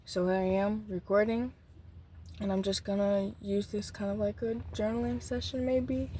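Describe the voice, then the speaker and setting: A nineteen-year-old woman vlogging an unplanned journaling session outdoors beside a busy street, rambling and reflective, with halting restarts. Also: mid-range voice, steady tone, dark tone, slight background noise.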